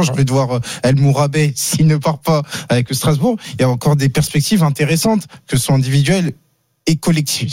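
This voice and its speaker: A male radio pundit gives his view on the season. He speaks in a measured, thoughtful way. The recording is dry and close to the mic. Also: mid-range voice, a little mellow, no room sound. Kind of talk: studio debate.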